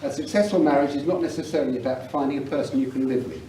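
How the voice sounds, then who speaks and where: A man's voice: medium pitch, racing, mellow. A middle-aged man with an English accent, giving a humorous wedding speech as father of the bride. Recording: roomy, noisy event recording from far off.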